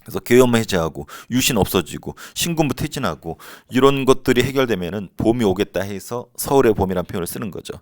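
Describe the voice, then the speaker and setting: A man in his forties teaching a high school history lesson, casual and joking, now and then shouting out slogans. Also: lively intonation, quick pace, few pauses, no echo, clean studio sound. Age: 40s. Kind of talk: lecture for high school students.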